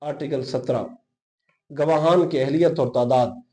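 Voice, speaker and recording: Unhurried and on the high side with a dark tone, this Pakistani-accented law exam-prep teacher explains material casually and dictates notes. His Urdu speech is sprinkled with English legal terms, and he keeps repeating the key ones.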